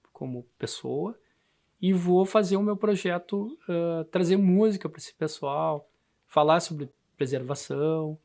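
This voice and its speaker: A man with a southern Brazilian gaúcho accent, talking casually about himself in a halting way, often adding tag questions. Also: a little high, a little mellow. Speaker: musician and handmade instrument builder. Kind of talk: casual interview monologue.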